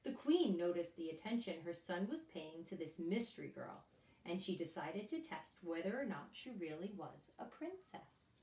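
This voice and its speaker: This woman, a teacher and storyteller, reads a picture book to little kids, very expressive, slipping in asides and questions aimed right at them. Her voice sits on the low side at a moderate pace, and she's recorded from a distance in a room with a lot of echo.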